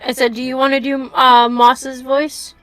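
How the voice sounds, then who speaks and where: A woman's voice: high-pitched, little pitch movement, unhurried, a bit bright, faint music behind, low-quality recording. A woman chatting casually as a streamer, scattered and giggly, often talking to herself. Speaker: streamer playing and voicing a game with friends. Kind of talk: casual chat.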